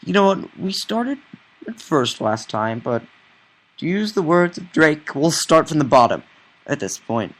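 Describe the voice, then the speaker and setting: Lively, punning young male sports host. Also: on the high side, measured pace. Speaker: podcast host. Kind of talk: casual sports podcast chat.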